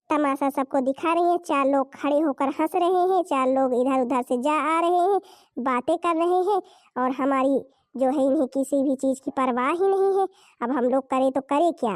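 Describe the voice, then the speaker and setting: A woman's voice: high-pitched, darkish tone, no echo, studio quality, lightly acted. A woman voicing a resentful young daughter-in-law who complains about her mother-in-law's spending. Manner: complaining, indignant.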